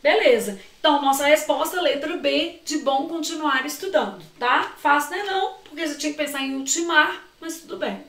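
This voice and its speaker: A high-voiced Brazilian woman teaching Portuguese to students preparing for an exam. She draws out key words and keeps firing questions at her class. The recording sounds echoey, with her voice a bit far from the mic. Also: a little fast, gravelly, hardly any pauses, fairly bright tone. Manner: talks to students directly, often asks them questions and answers herself; stretches out key words and syllables while explaining. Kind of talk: exam-prep lesson walking through questions.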